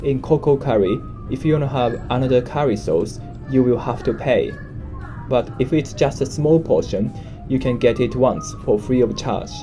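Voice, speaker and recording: A man's voice: mid-range voice, normal speed, music in the background. A young Japanese man with a Japanese accent, hosting a casual food vlog and explaining things plainly in simple English as a non-native speaker. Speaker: vlog host.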